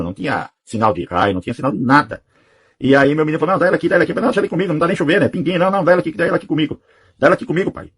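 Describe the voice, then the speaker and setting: Man, thirties, husky voice, quick rambling testimony, checks in with listeners often. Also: mid-range voice. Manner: rambling, tags sentences with "sabe?" and "né?". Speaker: testimony giver. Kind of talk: personal testimony.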